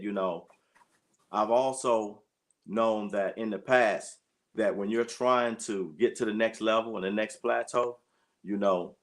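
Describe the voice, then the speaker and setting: A man in his late fifties, a track and field coach, talking earnestly in an interview and often saying "you know". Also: lowish voice. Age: 50s. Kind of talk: conversational interview.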